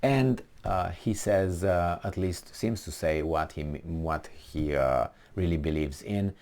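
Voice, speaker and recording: A man, originally from Romania, giving blunt, defiant political commentary in a casual, animated way, with many restarts and fillers. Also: low voice, slow.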